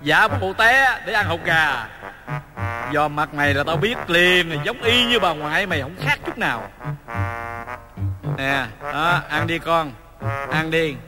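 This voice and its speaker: An actor playing a playful, joking old grandfather, in a stage comedy sketch, talking in a teasing, excitable way. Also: fairly high pitch, measured pace, long pauses, natural voice. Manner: teasing, excitable, laughs a lot. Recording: long hall reverb, music behind.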